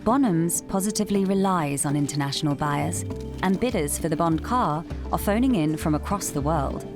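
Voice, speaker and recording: A woman's voice: fairly low pitch, animated, normal speed. A British woman reading scripted narration for a television documentary. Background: music behind the voice.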